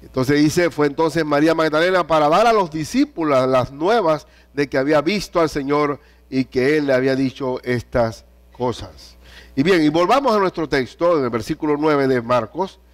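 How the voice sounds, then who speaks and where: A man delivering a sermon in a somewhat high voice. He reads scripture aloud with animated emphasis. He puts pointed questions to his listeners. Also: moderate pace. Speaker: preacher.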